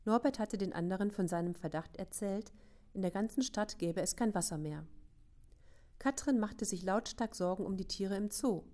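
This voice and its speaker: A woman narrating a children's story in a calm, measured way. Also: mid-range voice. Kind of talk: audiobook narration.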